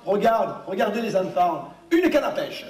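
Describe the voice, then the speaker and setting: A man's voice: sits high, sing-song, normal speed, heavy background noise. A man playing a clumsy, fibbing fisherman in a children's puppet show, clownish and exclaiming, stammering when flustered. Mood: silly. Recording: echoey room, distant microphone.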